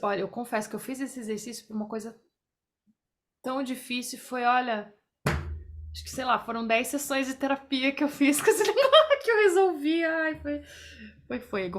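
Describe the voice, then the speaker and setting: A woman walks a group through an exercise over a video call, slightly high in pitch. She takes each step in turn, patient and clear, and keeps checking in with a quick question. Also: fairly bright tone. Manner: explains step by step, often checks in with "tá?". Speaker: workshop facilitator. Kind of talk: guiding an online group exercise.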